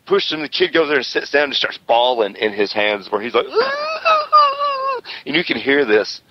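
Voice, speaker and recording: A man's voice: mid-range voice, fairly quick, no echo. A man hosting a wrestling radio show, telling stories in a boastful, rambling way. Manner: animated, boastful, rambling storyteller. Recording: slightly dull radio audio.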